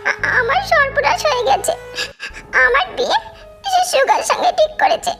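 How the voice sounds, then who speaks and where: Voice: very high voice, expressive, moderate pace, music in the background. A performer voicing a young woman who stammers through tears in a fan audio drama. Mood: distraught. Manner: stammering, tearful. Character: young woman in tears over a forced marriage.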